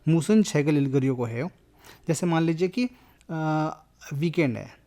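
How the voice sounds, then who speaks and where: Gravelly man teaching a language. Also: fairly high pitch, a little slow, mellow. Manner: mixes Hindi and English while explaining Korean grammar. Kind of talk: explaining a lesson.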